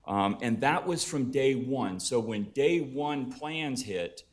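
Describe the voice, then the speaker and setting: A man presenting on behalf of a development at a council hearing, brisk and persuasive. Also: mid-range voice, animated.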